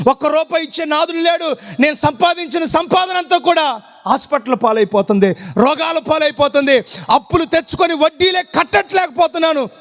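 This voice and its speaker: A man preaching a fervent sermon at an evening church gathering. He swings between loud cries and hushed tones. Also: very high voice. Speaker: pastor. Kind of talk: impassioned sermon.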